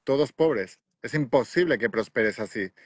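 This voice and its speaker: A man's voice: medium pitch, lively intonation, normal speed, slightly rough, no room sound, clean studio sound. A man, hosting and talking assertively on a phone call outdoors. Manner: assertive, coaching. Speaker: host. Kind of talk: video call interview. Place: outdoors by the sea. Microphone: phone at arm's length.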